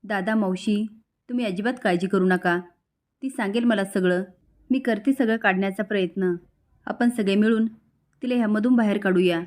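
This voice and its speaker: A woman's voice: mid-range voice, moderate pace, a little mellow, lightly acted. A woman voicing an anxious, caring young woman explaining what happened in a serial recap. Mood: determined. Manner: flustered.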